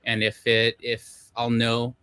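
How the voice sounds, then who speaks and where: A middle-aged film director from Los Angeles, United States, speaks slowly and in a monotone, his medium-pitched voice sharp, clean, and dry. He's a guest on a video call for a casual interview. His talk rambles, filled with fillers and laughs at his own expense.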